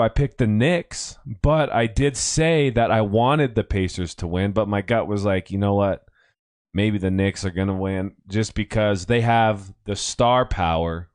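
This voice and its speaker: A man's voice: on the low side, darkish tone, smooth, no room sound. Guy with a kinda shot voice rambling about hoops, dry close sound. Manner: rambling, self-correcting, conversational. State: strained voice from yelling. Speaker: podcast host; youth coach. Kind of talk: casual sports talk.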